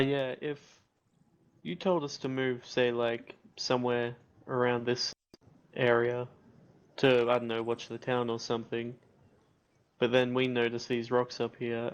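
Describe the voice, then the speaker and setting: A man's voice: mid-range voice, little pitch movement, a little slow, clear, resonant tone, dull audio. A man in a game voice chat asking a tentative question about moving to cover. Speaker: trainee player.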